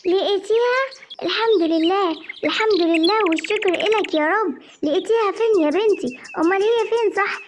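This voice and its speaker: Performer as a mother gazelle, Egyptian accent, lamenting, over steady noise. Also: very high-pitched, fairly quick. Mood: anxious. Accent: Egyptian Arabic. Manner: lamenting, pleading. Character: anxious mother gazelle, grief-stricken. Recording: clear background noise.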